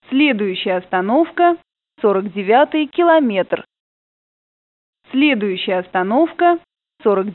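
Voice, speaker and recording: A woman announcing train stops over the train intercom in a formal, measured manner. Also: fairly high pitch, no room sound. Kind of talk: recorded stop announcements. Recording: tinny, narrow intercom loudspeaker sound.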